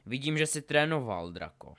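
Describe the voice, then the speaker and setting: A man voicing a steady, guarded adult wizard and father in a storybook reading, calm and firm. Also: medium pitch, vocal fry.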